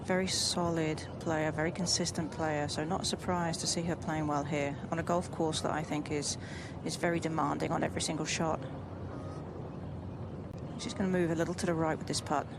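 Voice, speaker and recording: A woman's voice: sits low, flat delivery, normal speed. Woman analysing golf amid outdoor noise. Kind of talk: live golf commentary. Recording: noisy outdoor broadcast ambience. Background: outdoor golf course ambience.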